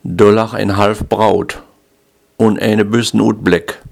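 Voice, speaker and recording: Slow gravelly-voiced man reading a story. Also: on the low side, level tone, darkish tone. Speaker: narrator.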